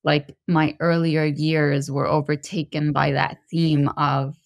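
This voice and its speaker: A woman in her thirties from Lebanon, a podcast guest telling her personal story in a measured, introspective way. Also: sits low, level tone, no echo. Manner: measured and introspective, pausing to find words.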